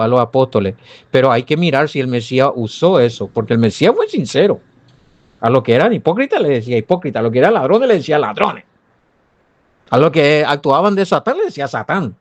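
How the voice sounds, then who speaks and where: A pastor from Paraguay with a Paraguayan Spanish accent gives a Bible commentary, answering listener comments with animated rhetorical questions aimed right at his audience. His voice is medium-pitched, and the recording has its highs cut off.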